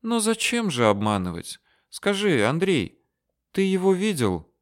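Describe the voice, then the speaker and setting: A man putting on a soft, menacing desert officer. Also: high-pitched, huge pitch swings, unhurried, pitched above the performer's own voice, full character voice. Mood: coolly mocking. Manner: soft, coolly mocking. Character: calm, menacing male desert soldier officer.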